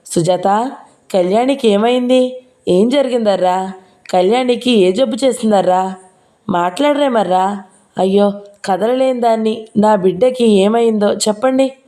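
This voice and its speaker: A woman's voice: steady tone, normal speed, dark tone, lightly acted. A woman voicing a frantic, grieving old grandmother who cannot leave her bed, pleading and wailing in a raised voice. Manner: wailing, pleading, higher than her narration.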